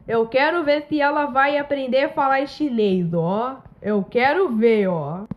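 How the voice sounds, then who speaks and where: Brazilian woman playing a mobile game, high voice, unhurried delivery, keeps talking to her audience. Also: dull audio. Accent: Brazilian Portuguese. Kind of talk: casual gameplay commentary.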